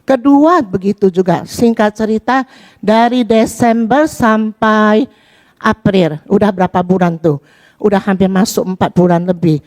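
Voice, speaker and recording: A woman's voice: medium pitch, a little slow, darkish tone. A woman from Indonesia giving a personal testimony in a chatty storytelling way, acting out the dialogue. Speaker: church member giving testimony.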